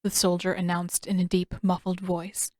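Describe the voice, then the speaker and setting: A woman reading her own fan fiction aloud in a measured, expressive storytelling manner. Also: on the low side, dry recording, studio quality. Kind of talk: fan audiobook narration.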